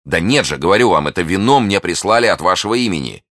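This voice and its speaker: A bold young guardsman speaks with urgent, earnest command, a little above a man's usual pitch, as a man reading the story puts him on. His lines rise and fall with feeling, dry and close. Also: lively intonation, quick pace, fairly bright tone, no room sound. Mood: eager. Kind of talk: audiobook character voice.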